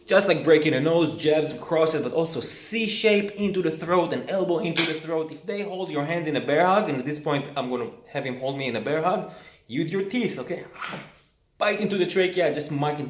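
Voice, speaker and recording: Man teaching instructors, echoey room. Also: on the high side. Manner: energetic question-and-answer teaching. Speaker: self-defense instructor. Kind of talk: instructor training talk.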